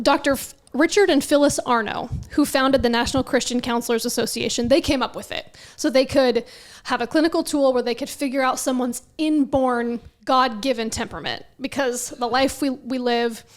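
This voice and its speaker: A young woman co-hosting a podcast, talking earnestly in casual chat with frequent restarts. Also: a little high. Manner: earnest, many restarts and fillers. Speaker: podcast co-host.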